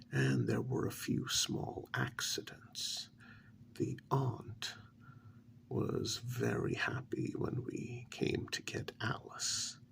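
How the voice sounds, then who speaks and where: In a soft, half-whispered ASMR role-play, a man with a very deep, gravelly, breathy voice plays a deferential agent reporting to his superior. His delivery is measured and halting, fully in character.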